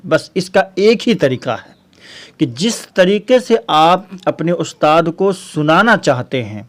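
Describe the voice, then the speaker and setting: A man with a fairly high voice answers viewer questions as a Quran teacher. He explains patiently, circling back to repeat each point in a casual, conversational lesson. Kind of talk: casual spoken Q&A lesson with recitation demos.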